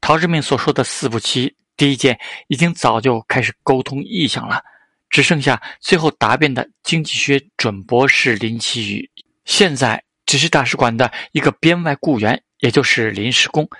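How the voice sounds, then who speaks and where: A man reading a novel aloud as an audiobook narrator, in steady scripted narration. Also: mid-range voice, normal speed, breathy edge, dry recording.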